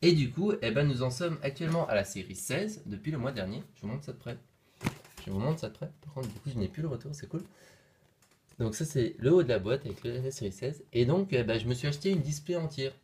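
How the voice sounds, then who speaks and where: A young man chats his way through opening a box of toys. He talks in a loose, joking way, filling the gaps with asides and fillers. His voice sits at a middle pitch. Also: animated, fast, a little mellow. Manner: playful, jokey, rambling with fillers. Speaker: vlogger unboxing toys. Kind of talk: casual chat.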